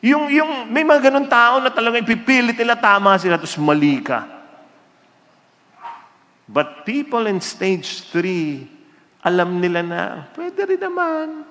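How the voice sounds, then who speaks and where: A man giving a talk to an audience, telling stories with lively acted-out voices. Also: sits high, unhurried, pauses often. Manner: animated storytelling, acting out quoted voices. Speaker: preacher. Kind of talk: sermon-style talk. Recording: long hall reverb.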